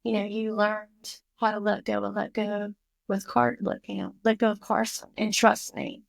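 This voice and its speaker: A woman in her fifties, a podcast guest, telling a personal story in an animated, emotional way. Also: mid-range voice, moderate pace, gravelly, dry recording. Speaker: guest, recovery school founder.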